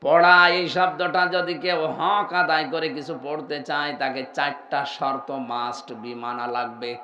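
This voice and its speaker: A male preacher with a Bangladeshi Bengali accent gives a sermon to a large gathering, jumping from loud shouted peaks to low quiet asides, chanting verses and quizzing the crowd like a class. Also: flat delivery, unhurried, a little hiss or hum. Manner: questions and drills the crowd like a class. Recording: echoey, dull public-address sound.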